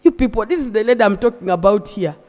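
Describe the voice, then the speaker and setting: A woman's voice: medium pitch, fast, a little mellow. A woman from eastern Uganda with a Ugandan accent, giving an impassioned, emphatic speech as a legislator in a parliamentary debate. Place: large assembly chamber. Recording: long reverb of a large chamber.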